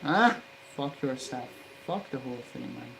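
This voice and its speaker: A hobbyist electronics maker mutters slowly while soldering on camera, cursing angrily at the work in frustration. Low grumbling fills the gaps between sudden loud outbursts, and there is background noise.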